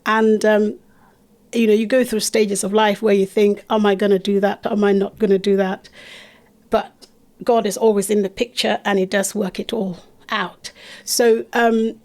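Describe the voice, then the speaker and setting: A woman's voice: mid-range voice, little pitch movement, moderate pace, darkish tone. Earnest middle-aged Ugandan-born woman guest. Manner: earnest, with frequent restarts and laughs. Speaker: guest, charity founder and teaching assistant. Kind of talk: conversational interview.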